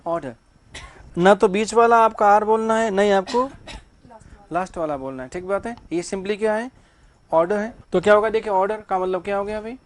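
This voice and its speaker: A high-pitched man is teaching a grammar lesson to a class. He fires questions at the students and answers them himself. He talks in a drilling, repetitive classroom manner. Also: normal speed. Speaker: English teacher.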